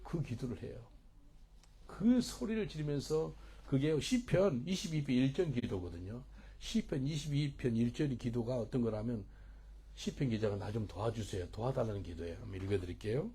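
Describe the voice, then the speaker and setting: A middle-aged male pastor preaching a sermon, moving from soft, close asides to loud, fervent exhortation. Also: medium pitch, lively intonation, normal speed, husky.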